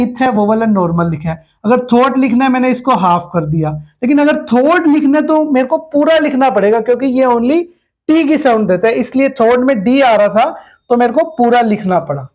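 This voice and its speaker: A man's voice: high voice, darkish tone, rough recording. A man teaching a step-by-step shorthand lesson, patiently repeating each rule with examples.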